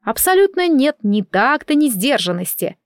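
Audiobook: a woman voicing an older aunt, fussy professor, slow and trembly, dry close sound. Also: high voice, very animated, no echo, voice pushed up. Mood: indignant.

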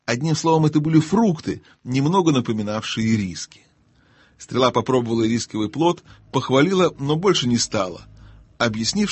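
A man narrating an audiobook in a calm, expressive storytelling manner. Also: mid-range voice, breathy edge, dry recording. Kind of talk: scripted narration.

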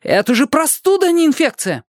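A reader voicing a quick-tempered young girl who scolds her friends in a storybook reading. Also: high-pitched, very animated, dry recording, studio quality, pitched above the performer's own voice. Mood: scolding. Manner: scolding, exasperated.

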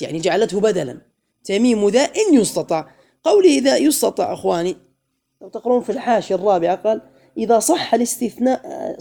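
A man teaching a classroom grammar lesson, quizzing his students with questions and chanting verse lines slowly. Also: high voice, gravelly, warm tone.

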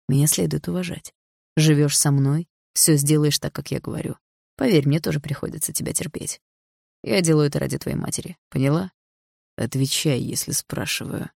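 Woman doing a cold bossy stepdad, low calm threats, dry close sound. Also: creaky, dry recording, full character voice. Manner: calm, menacing, condescending. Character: cold controlling stepfather, middle-aged man.

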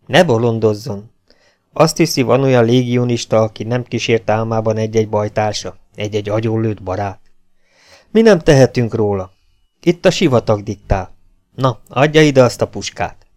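A man's voice: lowish voice, darkish tone, natural voice. A man voicing a stern, commanding baron. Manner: commanding, firm, raised voice. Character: stern, principled male baron, a legionnaire. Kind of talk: audiobook character voice.

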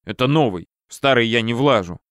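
A man reads a hulking, good-natured boxer friend in an audiobook. He speaks in a plain, slightly gruff way, recorded close and dry. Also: mid-range voice, animated, brisk, fairly bright tone, dry recording, close to an everyday voice. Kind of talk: audiobook character reading.

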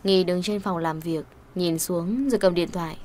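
A woman reading a melodramatic story aloud as an audiobook narrator, with steady, even delivery. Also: on the low side, normal speed.

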